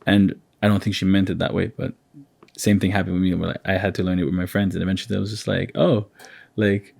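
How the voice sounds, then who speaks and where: A man's voice: low-pitched, level tone, fast talker, creaky, dry recording. A man speaking as a podcast guest in easygoing conversation, thoughtful and agreeable. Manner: thoughtful, agreeable, warm affirmations. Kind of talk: casual conversation.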